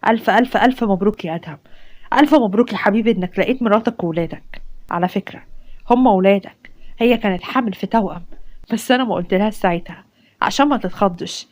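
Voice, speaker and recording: A woman with an Egyptian Arabic accent voicing a kindly male doctor who is an old family friend, warm and reassuring. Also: mid-range voice, quick pace, close to an everyday voice.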